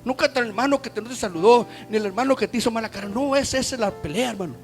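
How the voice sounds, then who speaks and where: A man preaching a sermon, swinging from loud urging to hushed, near-whispered passages and calling his listeners brother. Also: very high-pitched, rapid-fire, faint music behind. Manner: addresses listeners as "hermano".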